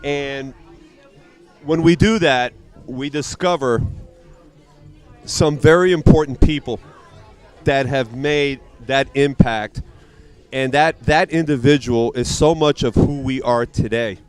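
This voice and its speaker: A male radio host introducing guests at an outdoor event, speaking slowly and deliberately with pauses. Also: mid-range voice, smooth.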